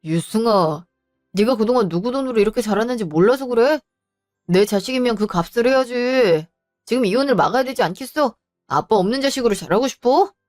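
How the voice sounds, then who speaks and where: A woman's voice: on the high side, expressive, fairly quick, darkish tone, faint music behind, lightly acted. A woman voicing a cheating husband and father who pleads and makes excuses in a defensive, wheedling way. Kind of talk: storybook voice acting.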